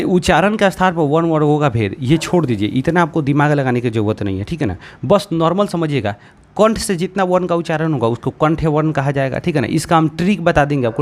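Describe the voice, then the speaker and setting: A young man teaching a grammar lesson, explaining patiently step by step and checking in often with his students. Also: fairly high pitch.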